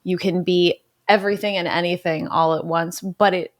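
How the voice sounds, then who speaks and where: A woman's voice: lowish voice, fairly even intonation, moderate pace. A woman, the guest's spouse, speaking earnestly and reflectively. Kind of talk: casual chat.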